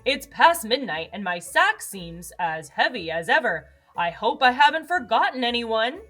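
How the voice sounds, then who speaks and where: A woman's voice: on the high side, sing-song, normal speed, a bit bright. A woman playing a jolly, kindly old Santa Claus in a children's storybook, hearty and cheerful. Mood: weary sigh. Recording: music under the voice.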